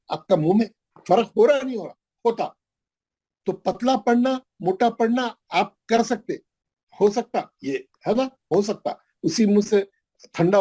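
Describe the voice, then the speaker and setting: A middle-aged man teaching Quran pronunciation in an online class, patiently repeating each sound slowly for his pupils. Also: high voice, dark tone, breathy edge, poor audio. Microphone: video call.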